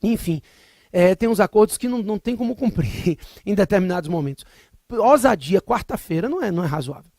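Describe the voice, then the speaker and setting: With a Brazilian Portuguese accent, a man in his thirties from Brazil lectures on law for exam preparation, his high-pitched, animated voice slightly fast and darkish in tone. He stresses key ideas over and over and slips into humorous digressions, recorded dry in a clean studio.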